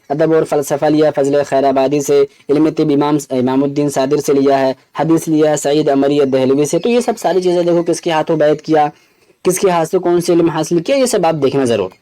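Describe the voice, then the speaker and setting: A man's voice: on the high side, warm tone. A man teaching an exam preparation lesson, walking through answers and explaining them step by step, with English terms mixed into his talk.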